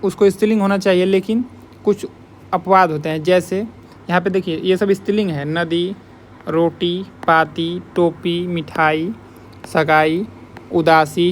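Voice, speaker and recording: A man with a high voice works as a Hindi exam tutor, going through test questions step by step and repeating the key points to remember. There's slight background noise.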